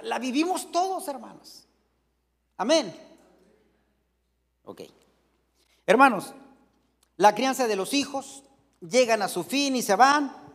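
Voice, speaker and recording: Very high-voiced preacher. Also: male voice, gravelly, a bit bright, in a large hall. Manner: folksy, joking, keeps addressing the congregation. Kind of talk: sermon.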